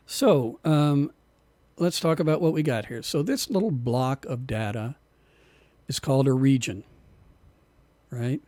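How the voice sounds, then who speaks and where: Relaxed man teaching a recording class. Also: medium pitch, unhurried, pauses often, no echo. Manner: relaxed, repeats words while explaining. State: losing his voice. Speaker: music production instructor. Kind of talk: online class lecture.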